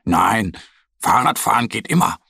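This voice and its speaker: A man's voice: fairly low pitch, expressive, unhurried, gravelly, sharp tone, slightly rough, no room sound, studio quality, heavily acted. A man voicing a stubborn, eager little male bear cub in a children's audio story, grumbling and defiant.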